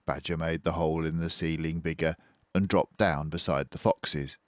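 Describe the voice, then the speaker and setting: A man's voice: a bass voice, fairly even intonation, moderate pace, no echo, studio quality. An older man narrating a children's storybook as its host, reading from a script.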